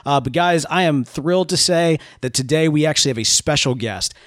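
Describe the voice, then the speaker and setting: A tenor-voiced man hosts a podcast with eager, geeky enthusiasm. His voice sits fairly high for a man. The recording is dry and close. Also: fairly quick, no echo. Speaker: podcast host. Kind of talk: podcast interview and intro.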